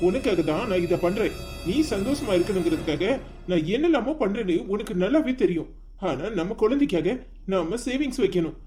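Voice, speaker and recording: A woman's voice: mid-range voice, animated, brisk, warm tone, soft background music, natural voice. A woman voicing a stern, jealous young husband who scolds his wife in a cartoon story.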